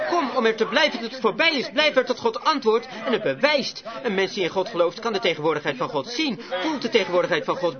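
Man preaching with fervor, high and lively voice, dull lo-fi recording, congregation heard behind him. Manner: emphatic, fervent exhortation. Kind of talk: sermon.

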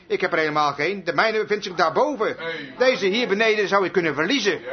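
A fervent male preacher with a high voice, firing rhetorical questions and answering them himself. He repeats his key lines for weight. The recording sounds dull and lo-fi, like an old sermon tape. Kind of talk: revival sermon with altar call.

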